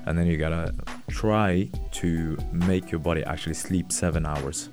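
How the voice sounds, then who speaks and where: A man's voice: low voice, steady tone, normal speed. A man with a North African Moroccan accent mixed with north-east English Geordie, chatting casually as a fighter being interviewed. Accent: Moroccan mixed with north-east English Geordie and Mackem. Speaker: MMA fighter, interview guest. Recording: music playing behind the voice.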